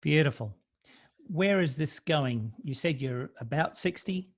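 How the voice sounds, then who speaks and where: A man's voice: a little high, expressive, unhurried. A man hosting a podcast interview, bantering and joking with his guest. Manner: jokey, playful banter. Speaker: podcast host. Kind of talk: casual interview chat.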